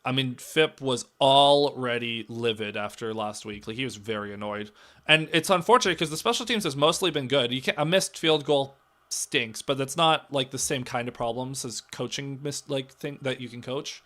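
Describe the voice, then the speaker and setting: A hoarse young man, his voice raspy and cracking, offers casual play-by-play while reacting live to the game, at a moderate pace, alternating loud calls with low muttering.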